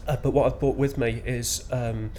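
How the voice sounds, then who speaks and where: Halting Shetland man of fifty, noisy background. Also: medium pitch, flat delivery, warm tone. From Shetland, Scotland. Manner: hesitant, halting delivery with frequent pauses. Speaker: interviewee. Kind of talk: spontaneous interview answers. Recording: clear background ambient noise.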